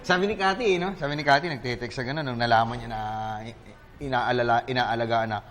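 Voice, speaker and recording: A man's voice: medium pitch, quick pace, a bit bright, faint music behind. A man hosting a sports talk show in a studio, bantering casually and joking with callers. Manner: joking, teasing, easygoing.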